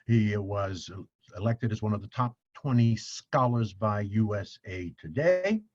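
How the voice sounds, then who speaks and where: A husky-voiced man hosts a podcast, gushing over his guest and repeating words for emphasis. The sound is dull and lo-fi, like audio from an online call. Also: on the low side, steady tone, unhurried. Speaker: podcast host. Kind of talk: effusive guest introduction.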